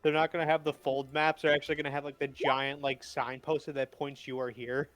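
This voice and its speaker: A man's voice: mid-range voice, little pitch movement, fairly quick, fairly bright tone. A man playing in a tabletop game, joking and rambling in casual chat. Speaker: player.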